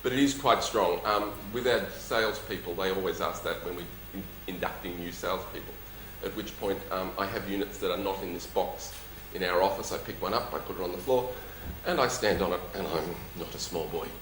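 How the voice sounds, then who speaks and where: Low and fairly quick, this man's voice has a bit of brightness and almost no pauses. As a company executive fielding questions after his presentation, he lisps and comes across jovial, emphatic and dryly witty. The recording carries a roomy echo and a faint hiss of background noise.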